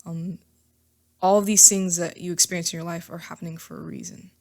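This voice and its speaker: A woman with a somewhat low voice talks through a tarot reading in a casual, chatty way. She reassures her listeners and keeps tagging her points with quick check-ins. The delivery is informal and full of little asides. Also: little pitch movement, vocal fry, darkish tone. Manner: reassuring, ends many phrases with "okay?" and "all right?". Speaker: tarot reader. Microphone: microphone.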